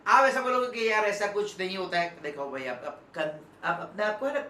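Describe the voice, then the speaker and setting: A man giving a motivational talk to students. He is animated, moves between soft and loud speech on purpose, and keeps asking "okay?" to check in with his listeners. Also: sits high, normal speed, a little hiss or hum. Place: indoor room, standing and moving about. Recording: echoey room, mic at a distance.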